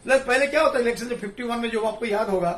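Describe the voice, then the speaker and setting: A man talking in a casual political discussion, animated and laughing, mixing in English phrases. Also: very high-pitched, very fast. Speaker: discussion panelist. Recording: echoey room, distant mic.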